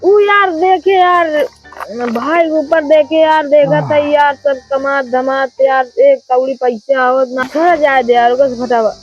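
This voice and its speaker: Man playing a squeaky drunken little village husband. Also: steady tone, measured pace, muffled recording, faint music behind. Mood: drunken pleading. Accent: Awadhi. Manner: drunken, repetitive, rambling talk. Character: small drunken henpecked village husband, pleading, boastful. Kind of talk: improvised comedy skit.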